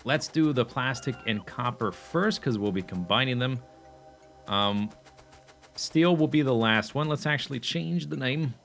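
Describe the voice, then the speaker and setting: A man's voice: medium pitch, expressive, a little slow, gravelly, fairly bright tone, soft background music. A young man casually commenting on his own gameplay as he plans a factory build, thinking aloud with fillers and self-corrections, and he has the hiccups. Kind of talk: casual let's play commentary.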